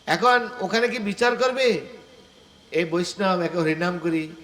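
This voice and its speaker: A male preacher giving an animated devotional sermon, asking the gathering rhetorical questions. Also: sits high, unhurried. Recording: echoey room with faint ambience.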